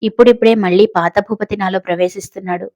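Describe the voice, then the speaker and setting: A kindly old man, fatherly and gentle in his reassurances, as a woman narrator plays him in a storybook audio drama. The sound is close and dry. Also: high voice, steady tone, fast talker, dry recording, highs cut off. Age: older.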